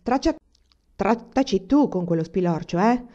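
A woman's voice: mid-range voice, lively intonation, normal speed, mellow, close to an everyday voice. A woman voicing a cheerful, plain-spoken young frontier man, in an audiobook reading. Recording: dull lo-fi recording.

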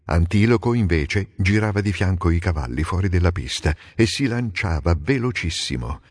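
Expressive male audiobook narrator. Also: low voice, slightly rough, no room sound, big-room sound. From Italy. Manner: expressive, measured storytelling.

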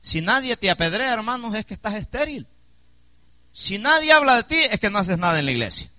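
A pastor preaching with a lively, swinging delivery and a bright, forceful tone. He stays emphatic and keeps asking the congregation questions, calling for amen. His voice sits a little high and sounds dry and close. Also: brisk, no room sound. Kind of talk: sermon.

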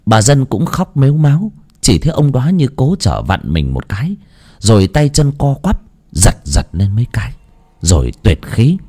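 A man tells a horror story. His pitch swoops and rises with lively drama, and his pace shifts for effect. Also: moderate pace, husky.

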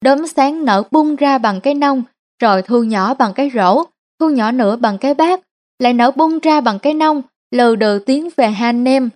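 High-voiced Central Vietnamese woman storyteller. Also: normal speed, darkish tone. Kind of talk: comic folk story narration.

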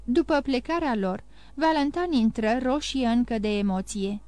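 A woman narrating a classic novel as an audiobook in a steady, measured reading. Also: fairly high pitch, dry recording. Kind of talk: scripted narration.

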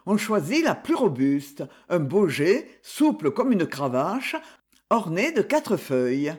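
A reader narrating a classic French novel in an expressive literary manner. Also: mid-range voice, slow pace, slightly rough. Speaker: audiobook reader.

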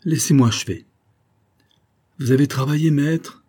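A man's voice: mid-range voice, normal speed, dark tone, slightly rough, pitched above the performer's own voice, close to an everyday voice. A man voicing a fervent confessing murderer. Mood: pleading. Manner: fervent, pleading. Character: guilt-ridden male assistant confessing a murder.

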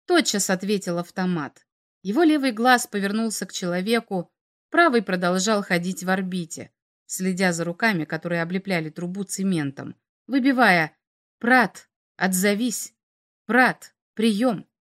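A woman reading science fiction aloud as an audiobook narrator, measured and dramatic. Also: mid-range voice.

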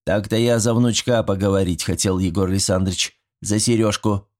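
A man's voice: on the low side, steady tone, a little fast, a little mellow, close to an everyday voice. A man voicing a fussy, good-natured old village grandfather who talks in folksy rural speech, sighing and fretting. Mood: fretful. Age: older.

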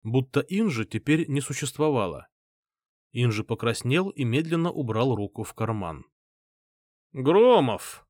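A man's voice: moderate pace, dry recording, clean studio sound. A man narrating an audiobook, reading the story and voicing each character in turn. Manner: lively, voices each character with shifts in pitch.

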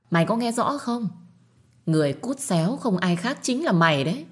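A woman voicing a shrill, abusive mother-in-law. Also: sing-song, moderate pace, natural voice. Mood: mocking. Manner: shrieking, abusive, wailing to the heavens.

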